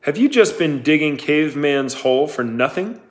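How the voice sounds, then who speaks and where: A man reading aloud, voicing a stern, sarcastic woman who runs a camp, with cold, drawn-out questions. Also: low-pitched, expressive, pitched above the performer's own voice. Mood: icy.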